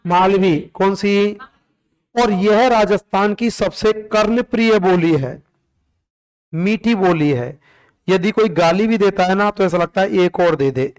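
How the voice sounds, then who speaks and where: A man's voice: high-pitched, smooth. A man teaching a class, drilling questions and answers over and over and calling on the students to respond.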